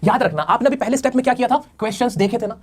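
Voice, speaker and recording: Male English tutor, exam-prep lesson, rapid-fire delivery, asks and answers his own questions, repeats key words for emphasis. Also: very high voice, expressive, husky. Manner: addresses students as "my children" and "friends". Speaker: English teacher.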